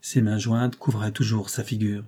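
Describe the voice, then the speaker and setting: A man narrates an audiobook at a steady, even pace. His voice is low and mellow, with a husky grain. The reading stays calm throughout. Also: normal speed. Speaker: audiobook reader.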